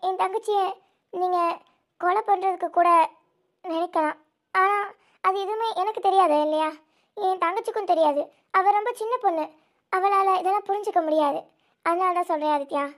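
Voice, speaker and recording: Woman voicing a tearful young snake-woman. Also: very high-pitched. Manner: tearful, pleading, halting repeats. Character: grieving young snake-woman, protective elder sister. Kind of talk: amateur audio drama.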